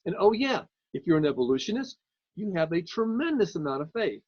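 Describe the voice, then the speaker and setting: A man lectures a class in a high, husky voice, chatty and casual. He stumbles over repeated words as he thinks aloud. The recording is dry and muffled, like a lo-fi mic. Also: very animated, brisk, a little mellow, no room sound.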